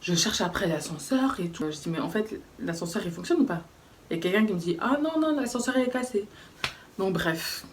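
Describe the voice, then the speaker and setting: A young woman chatting casually as she tells a personal story for her vlog, animated and acting out the people in it. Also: lowish voice, distant mic, a little hiss or hum. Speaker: YouTuber telling a story.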